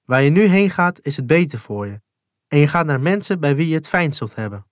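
A man voicing a gentle, caring aunt who reassures a child in soft words. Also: on the high side, animated, a little fast, dry recording, studio quality, voice pushed up, lightly acted. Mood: reassuring.

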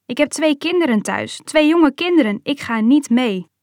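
A woman's voice: high-pitched, lively intonation, normal speed, darkish tone, no echo, studio quality, voice pushed up. A woman voicing a frightened, determined mother who pleads urgently. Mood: pleading.

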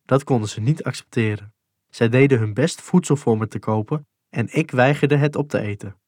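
Calm man reading a memoir. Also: medium pitch, moderate pace, no room sound, studio quality. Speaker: narrator. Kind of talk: scripted memoir narration.

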